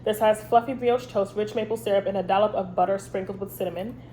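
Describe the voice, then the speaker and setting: Speaking fast in a warm, medium-pitched voice with fairly even intonation, the host of this candle review vlog sounds stuffy and congested from a cold. Her talk is chatty and meandering, full of ums. The audio is poor, with a little hiss or hum.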